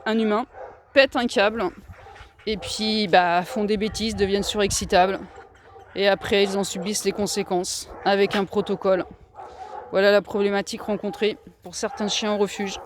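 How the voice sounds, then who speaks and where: A shelter worker giving a casual tour of an outdoor dog shelter, hesitant with many filler sounds, now and then slipping into high coaxing baby talk. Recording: noisy shelter yard with barking dogs. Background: dogs barking.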